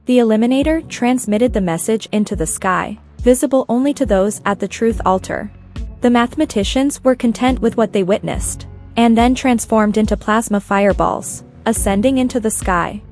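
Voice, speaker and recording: A woman reading a scripted story narration at a steady, even pace. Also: on the high side, normal speed, soft background music.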